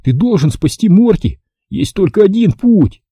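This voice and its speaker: A man voicing an excitable young boy who shouts in alarm, in an audiobook reading. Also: high-pitched, slow pace, breathy edge, no room sound, clean studio sound, pitched above the performer's own voice, exaggerated voice. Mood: disgusted.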